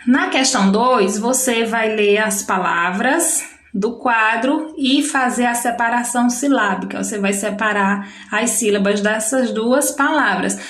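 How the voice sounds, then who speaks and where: A woman's voice: on the high side, a bit bright, echoey room. A woman teacher gives a recorded lesson to young schoolchildren, patiently stretching out words to show the syllables. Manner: slow, patient, drawn-out syllables when demonstrating. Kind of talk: recorded classroom lesson for children.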